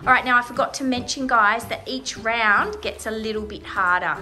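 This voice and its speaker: A high-pitched woman hosts a casual game at home. She chats and encourages the players as she gives instructions and commentary. It is a home video with clear music behind her voice. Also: moderate pace. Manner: encouraging, chatty. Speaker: host of a family game challenge. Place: indoor dining room around a table at home.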